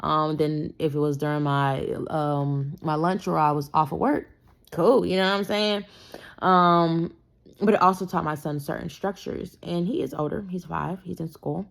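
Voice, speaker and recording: Casual low-voiced woman with vocal fry. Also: fairly even intonation, moderate pace. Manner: rambling, conversational, frequent fillers. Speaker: parenting vlogger. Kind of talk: casual storytime monologue.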